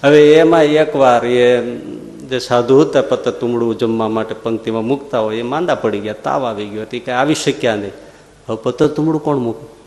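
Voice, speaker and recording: Monk preaching in an echoing hall. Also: male voice, medium pitch, fairly quick. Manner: folksy storyteller, rising to animated exclamations. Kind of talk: storytelling sermon. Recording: echoey long hall reverb.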